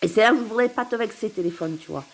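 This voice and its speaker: A woman's voice: medium pitch, rapid-fire, slightly rough. A woman recording a rambling, philosophical monologue to camera at home, musing, giggling and repeating herself. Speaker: vlogger.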